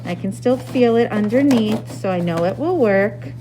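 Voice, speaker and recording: A woman art teacher giving young children a craft lesson in a bright, upbeat kids' presenter manner, explaining step by step and checking in with simple questions. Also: mid-range voice, expressive, normal speed, noisy background. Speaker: elementary school art teacher. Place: indoors in school stairwell and hallway.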